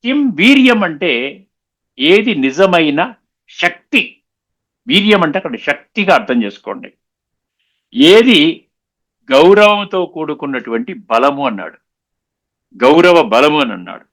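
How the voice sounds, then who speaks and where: A man giving a spiritual discourse, explaining patiently, slowing down on key sayings and often checking that listeners understood. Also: on the high side, very animated, a bit bright. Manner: mixes English words into his talk; repeats and slows down on key sayings. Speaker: spiritual lecturer.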